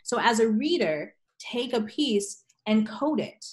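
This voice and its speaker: A woman's voice: fairly high pitch, lively intonation, slow pace. A woman writing teacher talking on a podcast, emphatic and full of rhetorical questions, often tagging "right?". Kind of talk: podcast conversation.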